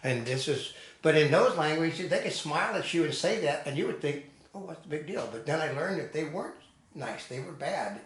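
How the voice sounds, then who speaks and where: A man's voice: on the high side, animated, brisk. An older man co-hosting a casual discussion, telling digressive stories and stating firm opinions. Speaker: co-host. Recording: echoey room with faint noise.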